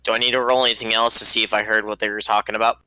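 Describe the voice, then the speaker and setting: A man's voice: fairly low pitch, little pitch movement, very fast, pushed and bright, clear, resonant tone, no room sound, rough recording. A man playing a tabletop game, jokey and punchy in casual table talk. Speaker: player.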